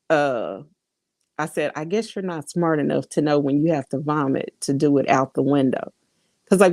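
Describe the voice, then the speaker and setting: A woman talks casually to her viewers, reading their comments aloud. Her voice sits low, and she laughs often as she chats. The sound is close and dry, with no room echo. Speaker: vlogger.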